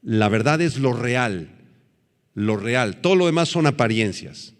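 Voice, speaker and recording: A man, a pastor, preaching an expository sermon verse by verse, asking his listeners questions and swinging between loud emphasis and quiet asides. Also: medium pitch, lively intonation, a little slow, long reverb tail. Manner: teaches verse by verse, asks the congregation questions.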